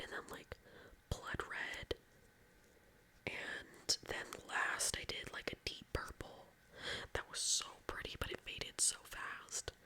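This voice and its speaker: A woman in her twenties chatting in a whispered ASMR style, slightly congested with audible breathing, rambling with many "like" fillers. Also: bright, forceful tone. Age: 20s. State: congested, stuffy nose. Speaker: ASMR creator.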